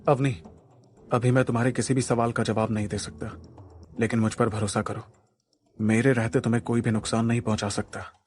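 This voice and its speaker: A man voicing a calm, secretive young man who speaks in a steady, reassuring way. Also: mid-range voice, a little fast, slight background noise, close to an everyday voice.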